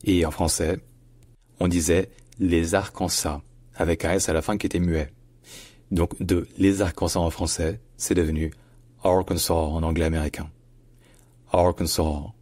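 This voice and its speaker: A man teaching pronunciation in a lesson, explaining carefully and repeating example words slowly. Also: sits low, steady tone, darkish tone, no room sound.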